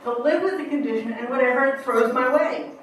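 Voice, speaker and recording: A woman's voice: sits high, fairly quick, slight background noise. A woman performing a personal memoir in a wry, upbeat, conversational way, recorded from far off in an echoey room.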